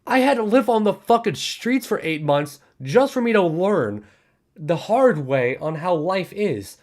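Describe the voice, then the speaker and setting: A man's voice: sits high, big pitch swings, measured pace, a little mellow. A man about to turn twenty-one, a streamer giving an earnest, repetitive personal monologue with plenty of swearing and emphatic repeats. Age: 20s.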